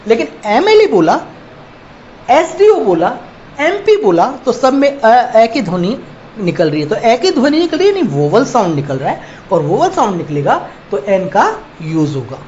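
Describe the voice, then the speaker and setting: A male teacher giving a grammar lesson, dictating slowly and repeating example words one at a time. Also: high-pitched, very animated, darkish tone. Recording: dull lo-fi recording, faint noise.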